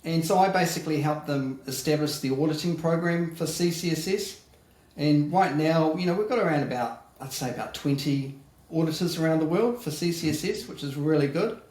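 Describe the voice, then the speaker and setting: A man's voice: fairly high pitch, fairly quick, darkish tone, reverberant, rough recording. A man, a guest security auditor, explaining his work plainly with many ums. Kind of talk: casual interview answers.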